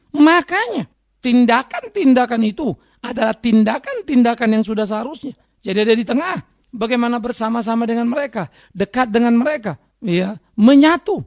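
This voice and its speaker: A man's voice: very high-pitched, a little mellow, no echo, clean studio sound. A man preaching a sermon emphatically, asking rhetorical questions and addressing listeners as brothers and sisters. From Indonesia. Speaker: pastor.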